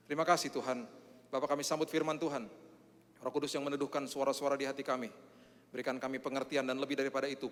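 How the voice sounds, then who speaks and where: A man's voice: mid-range voice, a bit bright. A male pastor preaching a sermon with a joking, self-mocking manner and frequent "eh" fillers. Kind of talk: sermon with prayer. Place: church hall. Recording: long church hall reverb.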